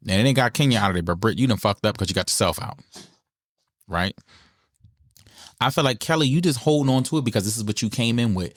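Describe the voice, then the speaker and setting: A man's voice: on the low side, quick pace, long pauses, no echo, studio quality. A man co-hosting a casual gossip podcast, blunt and opinionated as he rants about reality TV drama. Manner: blunt, opinionated, animated ranting. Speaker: podcast co-host.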